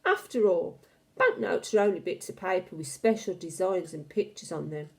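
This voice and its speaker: A woman with a lowish, creaky voice at normal speed reads a storybook character, an older grandmother who is knowing and assured. She explains things with authority.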